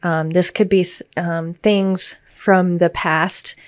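A woman speaking as a grief counselor and podcast co-host, giving gentle, reassuring explanations in conversation. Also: on the low side, fairly even intonation, slow pace, no room sound.

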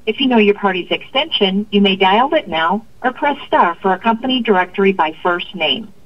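A woman's recorded phone greeting played through a car speaker, with a formal, even announcer delivery. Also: mid-range voice, a little fast. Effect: recorded phone message heard over a car speaker. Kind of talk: scripted automated greeting. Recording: dull lo-fi phone audio.

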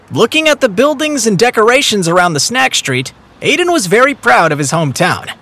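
A man narrating a story in an animated, storytelling way. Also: high voice. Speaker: audiobook narrator. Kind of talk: scripted narration. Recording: dry close recording, faint music.

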